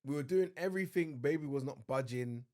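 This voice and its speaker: A young adult man co-hosting a podcast, recounting events in relaxed casual chat. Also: a little high, fairly quick. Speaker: podcast co-host.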